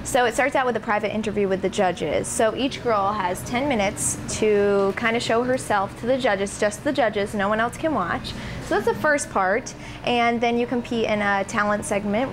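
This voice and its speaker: A woman's voice: medium pitch, normal speed. A young woman giving poised, explanatory pageant answers in an interview. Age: young adult. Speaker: pageant titleholder being interviewed. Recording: noisy room ambience.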